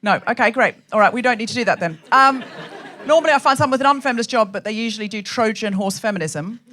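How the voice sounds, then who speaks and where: A woman's voice: on the high side, fast, sharp tone, a faint crowd. A woman hosting a live comedy show, bantering with the audience in a teasing way. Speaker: podcast host, comedian.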